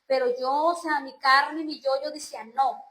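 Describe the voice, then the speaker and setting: A woman's voice: sits high, fairly even intonation, moderate pace, bright, forceful tone. A woman from Mexico gives an earnest religious testimony, repeatedly calling her listeners brothers and sisters. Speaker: churchgoer giving testimony. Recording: roomy echo.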